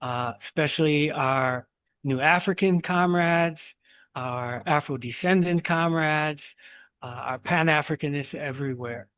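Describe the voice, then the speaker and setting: Man, high voice, fiery revolutionary speech, emphatic repetition, political rally address, muffled dry online audio. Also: a little slow, fairly bright tone, clear, resonant tone, dry recording. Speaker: activist delegate and co-moderator. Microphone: remote video call. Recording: dull lo-fi online call audio.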